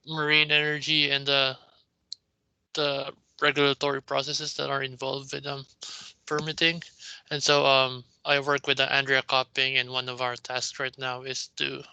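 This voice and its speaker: A young research assistant in their twenties introducing themself on a video call, steady and soft-spoken with a few fillers. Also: mid-range voice, clear, resonant tone, dry recording, poor audio. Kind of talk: casual self-introduction on a call.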